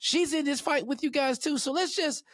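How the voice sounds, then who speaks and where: A man's voice: very high-pitched, normal speed, fairly bright tone, dry recording, studio quality. A man hosting a talk show, chatting casually with guests and often restarting his sentences. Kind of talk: casual interview chat.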